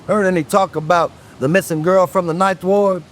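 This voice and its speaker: Playing a tired, gruff cop in a horror audio drama, this actor comes across as wry, guarded and in charge. His male voice sits high with a steady tone at normal speed, close to everyday speech, with a slight hiss or hum on the recording.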